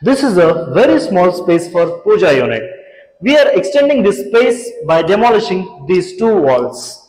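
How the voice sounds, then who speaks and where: A young man, a renovation company founder, walks through an empty apartment explaining planned changes in a measured, presenting way, on a lapel mic. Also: sits high, very animated, a little mellow. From India. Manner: measured, explanatory, pointing out features. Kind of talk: scripted walkthrough presentation. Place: large empty apartment rooms, indoors. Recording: echoey empty rooms with background music.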